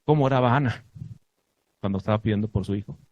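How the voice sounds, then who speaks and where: Male congregation teacher, sermon delivery, husky tone, dry close sound. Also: fairly low pitch, fast talker, no echo, highs cut off. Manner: asks the congregation questions, recites Hebrew blessings.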